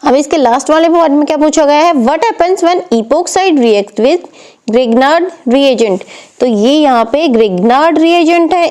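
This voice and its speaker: Woman chemistry tutor, high mellow voice, patient step-by-step explaining. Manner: explains step by step, asks and answers own questions. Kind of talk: exam paper walkthrough lesson.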